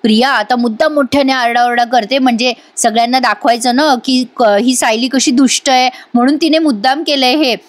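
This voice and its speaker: High-voiced chatty woman reviewer. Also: steady tone, fairly quick, few pauses. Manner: chatty, amused, addresses viewers directly. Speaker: TV serial reviewer. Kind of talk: casual voice-over episode recap.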